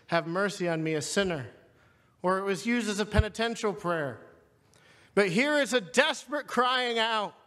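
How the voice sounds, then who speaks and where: In a chapel at a seminary, a man with a very high-pitched, slightly bright voice preaches a sermon, earnestly retelling a story from scripture. The recording carries a long hall reverb.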